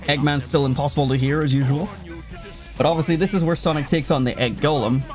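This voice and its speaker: Over blaring video game music, a quick-talking man with a fairly high-pitched voice rambles through a let's play, swearing casually and frequently interrupting himself to react to what's happening on screen.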